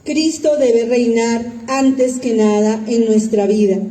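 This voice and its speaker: Dark-toned woman reading in an echoey hall. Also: fairly high pitch, steady tone, slow. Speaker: liturgical reader. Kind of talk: scripted devotional reading. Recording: echoey hall, distant mic.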